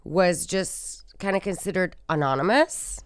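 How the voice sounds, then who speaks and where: A woman's voice: fairly low pitch, expressive, a little slow, clear, resonant tone, no echo, clean studio sound. A woman from Sudan, a musician guest in an interview, talking thoughtfully and with emphasis. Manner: thoughtful, emphatic, acts out quoted speech. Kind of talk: conversational interview.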